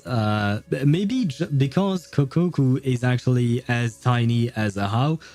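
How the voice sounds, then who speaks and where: A man with a mellow, mid-range voice streams a game and reads chat, rambling hesitantly with plenty of fillers and frequent laughter.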